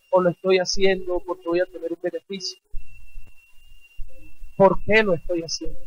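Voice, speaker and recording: A male pastor preaching with a high, ringing voice, recorded dry and close with almost no room sound. He drives his point with rhetorical questions and emphatic repetition. He calls on the congregation to say his lines back. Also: fairly bright tone, dry recording, lo-fi sound. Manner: exhorting, has the congregation repeat phrases. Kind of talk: sermon.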